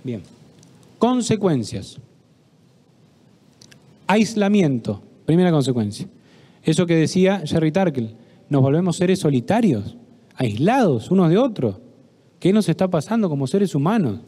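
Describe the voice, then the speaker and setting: Mellow-voiced Argentine man giving a talk. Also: fairly high pitch, sing-song, measured pace, long pauses, slightly rough. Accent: Argentine Spanish. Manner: storytelling, acts out dialogue, asks audience questions. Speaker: psychologist giving a parish talk. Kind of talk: conference talk with anecdotes. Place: parish hall.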